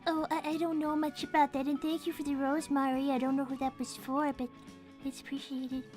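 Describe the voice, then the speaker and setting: Timid, well-mannered child rabbit played by a woman, high little voice, earnest and hesitant, cartoon livestream over faint music. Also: little pitch movement, brisk, a little mellow, natural voice. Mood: apologetic. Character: Cream, polite timid little rabbit girl, owner's daughter. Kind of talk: improvised character livestream.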